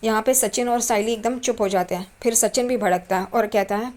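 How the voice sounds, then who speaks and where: A woman's voice: on the high side, a little fast, darkish tone. A woman narrating a recap of a TV serial episode. She walks through each scene in order and closes every quoted line with a trailing tag. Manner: retells scenes step by step, tagging quotes with a trailing "karke".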